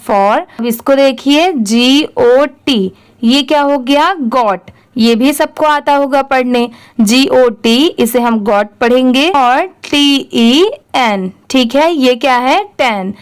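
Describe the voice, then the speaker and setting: A young woman with a high, smooth voice gives a slow, unhurried online reading lesson. She spells each word out letter by letter, then says it whole, and keeps asking the viewer what it reads before answering herself. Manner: patient, repeats each word after spelling it out; asks questions to the viewer and answers them herself. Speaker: English reading teacher.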